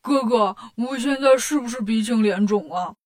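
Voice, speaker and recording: A woman's voice: a little high, moderate pace, darkish tone, close to an everyday voice. A woman voicing a clumsy, whiny pig-man disciple in a children's story. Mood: fretful.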